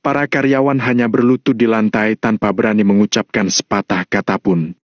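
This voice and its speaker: A man reading a serialized action novel aloud as a narrator, pitching his voice up for dialogue. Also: steady tone, fairly quick, no echo. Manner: raises pitch sharply for dialogue. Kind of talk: scripted audiobook narration. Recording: dull dry lo-fi sound.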